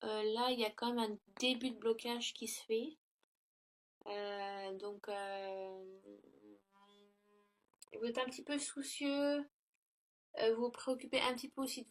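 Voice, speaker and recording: A woman giving a casual tarot reading to her laptop, hesitant and full of fillers and self-corrections. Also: on the high side. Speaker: tarot reader. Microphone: laptop built-in mic.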